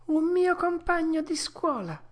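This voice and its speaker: A woman's voice: extremely high pitch, big pitch swings, a little slow, voice pushed up, heavily acted. A woman voicing a young wooden puppet boy who whines and pleads, frightened and impulsive. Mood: distressed. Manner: whiny, pleading, loud.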